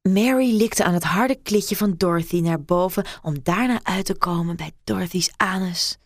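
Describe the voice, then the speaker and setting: A woman narrating an adult story in a soft, hushed reading voice that often drops to a whisper. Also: on the low side, no room sound, clean studio sound.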